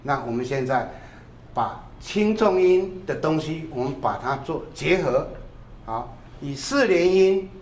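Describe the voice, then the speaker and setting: A man's voice: on the high side, expressive, a little slow, a little mellow, echoey room, slight background noise. A man teaching a drum class who calls out counts and short cues between demonstrations.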